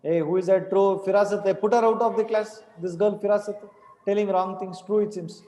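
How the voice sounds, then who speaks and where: A man's voice: sits high, fairly even intonation, brisk, dark tone. A young man with an Indian accent teaching an online class, informally, repeating instructions and checking with questions. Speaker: programming teacher. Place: small indoor room. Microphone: computer mic on a video call. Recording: echoey, reverberant room.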